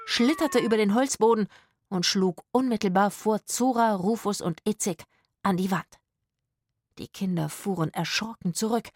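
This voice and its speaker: A woman reads a children's adventure story aloud with lively expression. Her voice sits in a middle range, and the recording is dry and close with no room sound. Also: mid-range voice, no room sound. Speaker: narrator. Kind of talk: scripted story narration for children.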